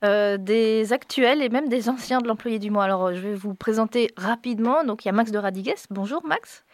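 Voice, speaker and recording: Woman, radio host, relaxed, dry sound. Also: on the high side, brisk, no echo. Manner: relaxed, informal introductions. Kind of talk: live radio hosting.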